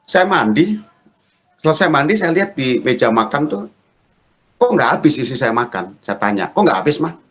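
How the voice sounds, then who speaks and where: Lively storytelling male pastor. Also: normal speed, pauses often. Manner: lively storyteller, acts out dialogue in high voices. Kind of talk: sermon with storytelling.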